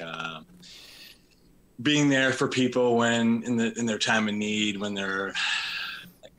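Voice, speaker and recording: Male guest, unhurried and laid-back, laughs a lot, bright forward tone. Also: fairly low pitch. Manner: laid-back, laughs often, drawls words. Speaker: drummer and interview guest. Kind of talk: casual interview chat.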